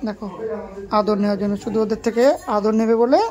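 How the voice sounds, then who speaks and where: A woman pet vlogger narrating casually to viewers, cooing at her dog in soft baby talk. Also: mid-range voice, flat delivery, fast talker, dull audio.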